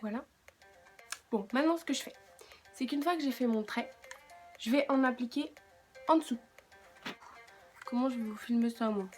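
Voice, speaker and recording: A woman's voice: a little high, moderate pace, pauses often, soft background music. A woman with a French accent chatting casually through a makeup tutorial, with self-mocking asides. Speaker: beauty vlogger.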